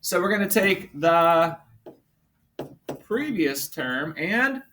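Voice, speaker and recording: A man teaching a math class, walking students through problems with brisk, coaxing questions. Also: a little high, big pitch swings, fairly bright tone, slight background noise.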